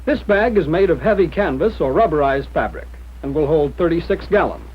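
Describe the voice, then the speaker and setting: An American man reading scripted instructions in the formal, measured manner of a 1940s military training film narrator. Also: on the high side, expressive, breathy edge. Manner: mid-century newsreel-style narrator, formal, measured instruction. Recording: dull, lo-fi 1940s film soundtrack.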